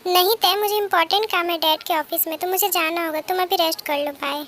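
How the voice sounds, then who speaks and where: A woman with a very high voice plays a possessive, hot-tempered teenage boy in a fan-dubbed love story. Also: steady tone, brisk, a bit bright. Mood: caring. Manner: scolding, possessive.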